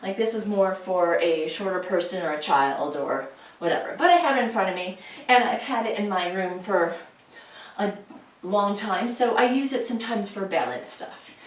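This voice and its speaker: A woman's voice: mid-range voice, lively intonation, normal speed, distant mic. Chatty woman coaching a workout, echoey room. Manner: chatty and playful, cueing moves in a sing-song voice. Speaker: fitness instructor. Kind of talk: home workout instruction. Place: room at home.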